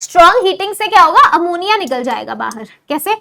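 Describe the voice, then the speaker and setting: A woman giving an online exam-prep chemistry lecture. She mixes Hindi with English phrases and keeps checking with her students, asking if everything is clear. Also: very high-pitched, sing-song, fast talker, pushed and bright. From India. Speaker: chemistry teacher.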